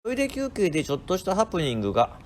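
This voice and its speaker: A man's voice: high-pitched, huge pitch swings, very fast, heavy background noise. A man narrating his own vlog as a scripted voice-over. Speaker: vlogger narrating own marathon video.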